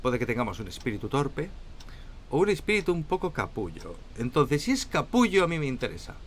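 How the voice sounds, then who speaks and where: A man's voice: mid-range voice, huge pitch swings, brisk, slight background noise. A young man from Spain with a Spanish accent, chatting and joking to viewers during a solo game commentary. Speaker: gaming YouTuber.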